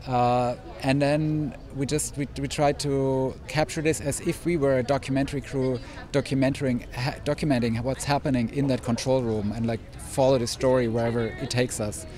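A man's voice: medium pitch, fairly even intonation, moderate pace, hardly any pauses, dark tone. A man in a casual red carpet interview, explaining his work matter-of-factly. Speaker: cinematographer.

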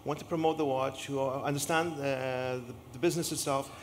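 A man answers questions on a live panel, stopping and restarting his words with frequent filler sounds. His voice is at an everyday middle pitch. Faint ambient noise sits in the background. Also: steady tone, fairly quick.

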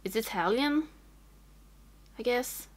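A young makeup vlogger who speaks English as a second language chats through a tutorial in a small room at home with makeup shelves. Her fairly high voice has lively intonation and a slow pace, and she rambles, thinks aloud, and often drops to a whisper as she works.

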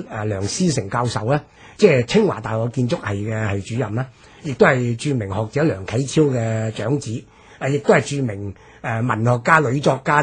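A male radio presenter with a Hong Kong Cantonese accent explains history in a very husky, rough voice. His pitch rises and falls animatedly, and he draws out the ends of phrases as he sets out each point.

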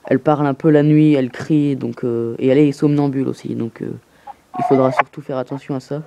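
A man making a casual inquiry over the phone, halting and earnest in his delivery. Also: medium pitch, steady tone, creaky, a little mellow, dull audio. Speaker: prank caller. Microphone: telephone call. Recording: noisy telephone prank recording.

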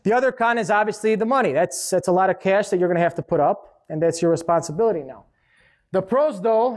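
A man with a notably high voice speaks at a business seminar, direct and emphatic. He is a middle-aged restaurant owner sharing hard lessons in a casual, conversational way. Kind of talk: live seminar talk. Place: conference hall.

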